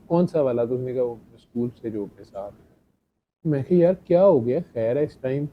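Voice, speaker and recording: Addressing a gathering, a middle-aged man spins a chatty, anecdotal story, quoting each line of dialogue and laughing between them. His gravelly voice sits at an ordinary pitch, and the audio comes across dull and lo-fi.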